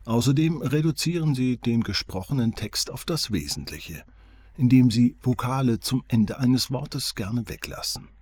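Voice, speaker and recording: A man's voice: mid-range voice, animated, unhurried, darkish tone, breathy edge. A man, an author reading his own foreword as audiobook narration, with dry, wry humor.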